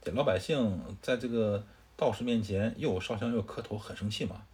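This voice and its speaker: A man with a fairly low voice retells a classic tale to a child in a relaxed, conversational manner. He stops to explain things in asides and fills pauses with "er". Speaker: storyteller. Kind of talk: casual storytelling to a child.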